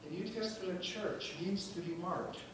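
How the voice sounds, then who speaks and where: A man preaching a sermon in a church, moving from easy storytelling to loud, exclaiming praise with the odd laugh. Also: high-pitched, normal speed, background noise. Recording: echoey church room, voice from far off.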